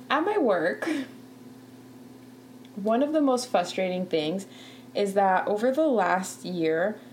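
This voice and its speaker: A young Canadian woman hosts a show in casual chat, talking freely, laughing often and saying "like" a lot. Her voice is mid-range and a little mellow, with a bit of hiss or hum.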